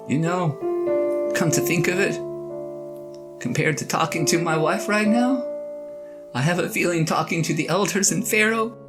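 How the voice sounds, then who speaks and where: A woman playing a flustered, reluctant Moses as an aging husband, halting and pleading in a conversational audio drama monologue. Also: fairly low pitch, close to an everyday voice. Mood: weary, resigned. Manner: halting, stammering, pleading, sighing. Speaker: actor in a one-person audio drama. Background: guitar and piano music.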